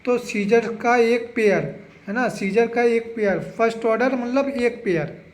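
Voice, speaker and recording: High-voiced man drilling exam answers. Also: unhurried. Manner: drills answers, repeats "है ना?" and urges memorizing. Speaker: exam-prep teacher. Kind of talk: exam revision lesson.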